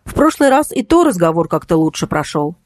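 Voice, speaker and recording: A woman's voice: on the low side, big pitch swings, brisk, darkish tone, dry recording, clean studio sound. A woman voicing a chatty, curious young woman friend in an audiobook. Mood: glum.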